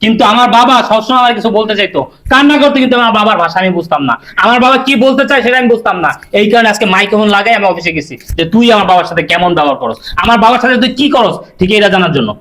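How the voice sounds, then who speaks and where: A man's voice: high-pitched, animated, rapid-fire, few pauses, fairly bright tone. A young man, playing an enraged husband who accuses his wife. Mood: furious. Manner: agitated, accusing. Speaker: actor playing an angry husband. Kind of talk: melodramatic short-film acting.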